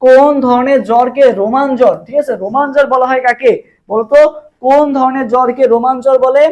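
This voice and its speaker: A man's voice: very high voice, steady tone, brisk, highs cut off. A young man with a Bangladeshi Bengali accent tutoring for an admission exam in a live online lesson, quizzing viewers over and over and drilling answers with memory tricks. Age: young adult.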